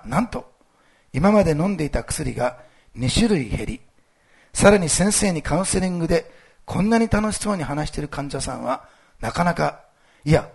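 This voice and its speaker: This is a male pastor with a strongly gravelly, husky voice. He preaches in a lively, animated way, full of fillers, and talks quickly. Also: a little high. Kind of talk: sermon with church announcements.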